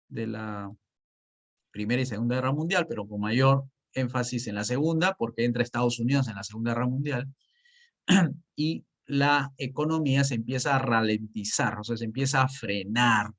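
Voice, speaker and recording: A man's voice: mid-range voice, fairly bright tone. A man teaching an economics class, asking himself questions and answering them, with frequent hesitations and restarts. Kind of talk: spoken lecture.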